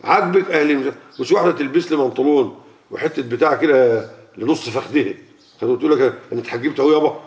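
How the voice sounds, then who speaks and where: A fast-talking man with a mid-range voice and an Egyptian Arabic accent gives a sermon to a gathering. He keeps it colloquial and regularly asks the audience questions; the audio is lo-fi and muffled.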